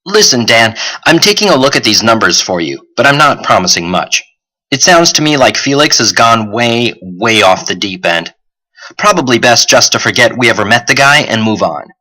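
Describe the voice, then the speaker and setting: A man reading an audiobook, voicing a sarcastic, tired teenage boy who talks quickly and dismissively. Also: mid-range voice, big pitch swings, sharp tone, low-quality recording. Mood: wry.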